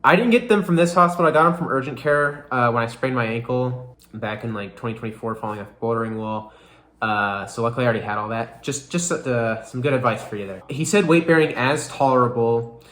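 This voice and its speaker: A man's voice: medium pitch, fairly quick, fairly bright tone, echoey room. A young man giving a casual recovery update on his vlog, rambling with lots of "like" and "you know.". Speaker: vlogger.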